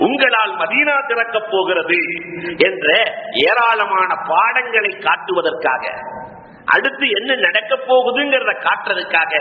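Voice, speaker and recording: High-voiced preacher in an echoing hall. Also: male voice, expressive, measured pace, slight background noise. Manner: repetitive orator, addresses listeners as beloved. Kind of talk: sermon. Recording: echoey hall, dull lo-fi sound.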